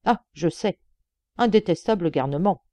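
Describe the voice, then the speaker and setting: A woman voicing an excitable, proud male prison director who protests with emphatic indignation. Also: lowish voice, moderate pace, no room sound, natural voice. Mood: obliging.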